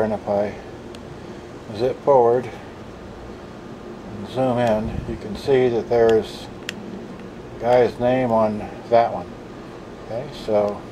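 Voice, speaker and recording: A vlogger showing off vintage electronics mutters in short, offhand fragments as he demonstrates, his medium-pitched voice caught by the camcorder's built-in mic. The background is noisy.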